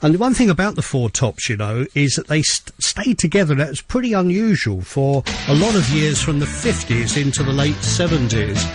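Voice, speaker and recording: A man's voice: on the high side, sing-song, faint music behind. Chatty radio DJ, man. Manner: chatty, enthusiastic, many "uh" pauses. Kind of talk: casual radio presenting.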